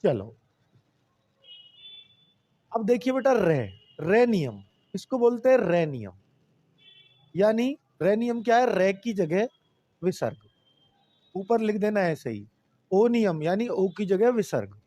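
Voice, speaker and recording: A man's voice: sits high, sing-song, slow pace, pauses often, warm tone, no room sound. A man teaching Hindi grammar in a live online class, patiently repeating rules and addressing students as children.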